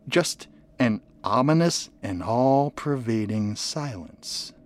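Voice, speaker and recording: A man reading a story aloud as dramatic audiobook narration, often dropping to a hushed near whisper. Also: medium pitch, lively intonation, slow.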